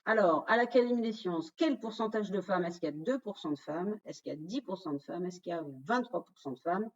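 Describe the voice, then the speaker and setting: A woman's voice: fairly low pitch, lively intonation, fairly quick, highs cut off. A French-speaking woman presenting a quiz in an online webinar, addressing the audience directly and revealing the answers.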